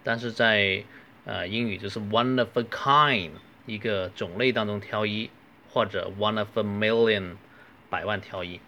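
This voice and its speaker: A man with a Cantonese accent teaching English phrases, reading each line slowly and carefully, then explaining. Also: on the low side, steady tone, pushed and bright, a little hiss or hum. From southern China. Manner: slow, careful model phrases between quick explanations. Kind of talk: language lesson.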